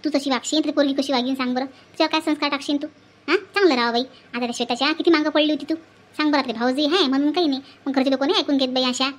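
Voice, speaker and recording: A woman's voice: high-pitched, very fast, natural voice. A woman voicing an older village woman from who scolds and hands out repeated advice. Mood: lecturing. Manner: scolding, repetitive advice-giving. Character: older village woman, bossy, lecturing elder.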